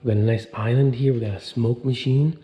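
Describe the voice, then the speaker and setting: A man's voice: medium pitch, fairly even intonation, fairly quick, warm tone, a little hiss or hum. A man in his thirties vlogging a walkthrough of an empty mansion, filming himself with a handheld camera at arm's length and thinking aloud with awed exclamations. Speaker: urban explorer vlogger. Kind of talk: casual walkthrough vlog. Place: large empty indoor mansion rooms. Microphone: handheld action camera at arm's length.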